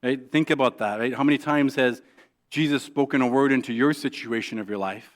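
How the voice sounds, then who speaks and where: A male pastor preaching a sermon in a conversational way, often asking "right?" and restarting his sentences. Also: medium pitch. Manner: acts out quoted prayers in a soft, hushed voice; halting restarts and repeated words.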